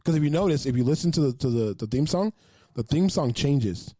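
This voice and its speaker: Animated young man telling a story. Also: medium pitch, fairly quick, no room sound, clean studio sound. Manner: animated storyteller, swears freely. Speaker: podcast co-host. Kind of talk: casual chat.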